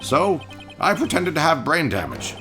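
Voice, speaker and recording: A grumpy old man from a courtroom video game, voiced by a man, bitter and unrepentant. The voice has a bright, forceful edge and moves around in pitch over background music. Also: huge pitch swings, moderate pace, full character voice. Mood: bitter, confessional. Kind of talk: amateur voice acting of video game dialogue.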